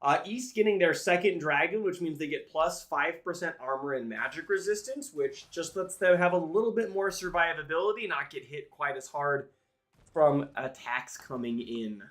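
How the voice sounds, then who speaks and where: A man giving live play-by-play commentary on a video game match in an excitable announcer style. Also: fairly high pitch, moderate pace, hardly any pauses. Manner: excitable announcer-style calls that swell at big plays. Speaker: esports commentator, play-by-play caller.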